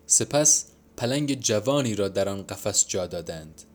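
A man reading a literary story aloud as an audiobook narrator, measured and somber. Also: fairly low pitch, expressive. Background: soft instrumental music.

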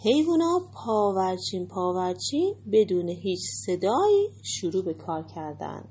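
Lively husky woman reading to kids. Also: mid-range voice. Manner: lively, explains hard words to children. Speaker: storyteller for children. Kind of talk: reading a picture book aloud to children.

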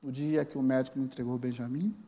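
A man's voice: medium pitch, steady tone, fast talker, dark tone. A man in his forties with a Brazilian Portuguese accent, preaching a sermon as a pastor and telling a personal story with acted dialogue and emotional swings. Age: 40s. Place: large church hall. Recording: church hall with long reverb.

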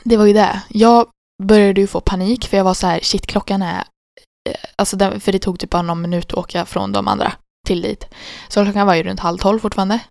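A woman's voice: lively intonation, vocal fry, a little mellow, dry recording, clean studio sound. A woman in casual podcast chat, telling a story animatedly and acting out her own panic. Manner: acts out her own panic in high squeaky bursts.

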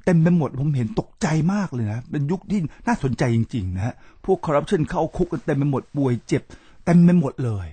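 A man's voice: a little high, mellow, husky, no room sound. A middle-aged man hosting a talk show, lecturing his listeners in a preachy way and often stopping to address them and spell out English terms. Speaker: podcast host.

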